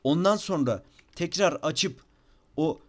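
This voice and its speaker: A man's voice: on the high side, animated, takes it slowly, a little hiss or hum. A young man with a Turkish accent, talking casually at his computer through a tutorial, repeating himself and sounding a little exasperated. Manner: chatty, repeats "bakın" and "abi", slightly exasperated. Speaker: gaming tutorial youtuber. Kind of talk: casual screen-recorded tutorial. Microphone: desk microphone.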